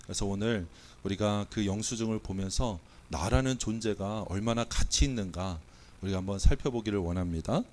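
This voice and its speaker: In the church sanctuary, a Korean male pastor with a cold struggles to get his voice out as he preaches. His voice is on the low side, fairly quick and a little mellow, with slight background noise, as he playfully quizzes the congregation and holds a mock auction.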